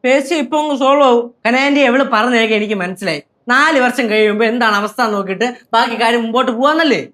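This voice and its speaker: An actor playing a boastful, stubborn young husband in a TV sitcom, argumentative in manner. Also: male voice, fast. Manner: boastful, argumentative, lively swings of pitch. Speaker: sitcom character. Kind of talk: TV sitcom acting.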